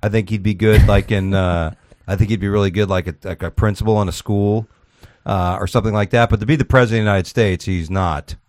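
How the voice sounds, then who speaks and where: Blunt, profane low-voiced man. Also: steady tone, fast talker, darkish tone, dry recording, clean studio sound. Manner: blunt, profane, opinionated, often laughing. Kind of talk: casual crude banter.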